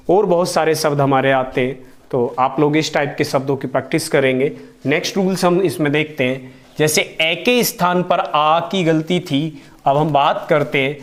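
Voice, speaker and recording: Male teacher, slightly high pitch, unhurried delivery, stretches out example words and answers his own questions. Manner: slow and deliberate, drawing out example words; asks questions to the class and answers them himself. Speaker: Hindi teacher. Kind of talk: spelling lesson.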